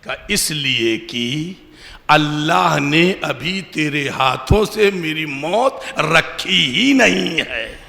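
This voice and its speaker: Fierce young rebel, shouted defiance, gravelly high tone, echoing hall; a male cleric acts him out. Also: expressive, exaggerated voice. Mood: defiant. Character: defiant young man facing a tyrant. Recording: echoey hall with long reverb.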